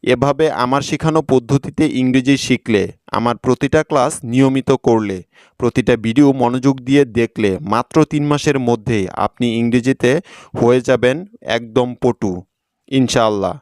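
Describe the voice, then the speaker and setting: Male tutor, patient and methodical, smooth resonant tone, dry close-miked sound. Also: mid-range voice, steady tone, moderate pace, a little mellow, dry recording. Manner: patient, spells words out letter by letter. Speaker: English teacher. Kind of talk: scripted lesson narration.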